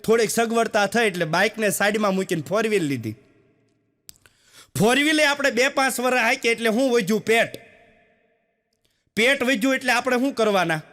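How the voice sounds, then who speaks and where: A man's voice: very high voice, expressive, fairly quick, pauses often, bright, forceful tone. A man from doing folksy stand-up storytelling, with a chatty manner that speaks straight to the audience. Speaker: stand-up comedian.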